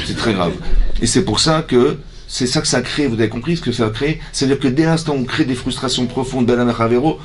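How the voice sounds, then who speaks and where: Animated rabbi teaching a class. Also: male voice, medium pitch. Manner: animated, asks listeners questions, acts out dialogue. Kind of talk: lively Torah lesson. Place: community hall.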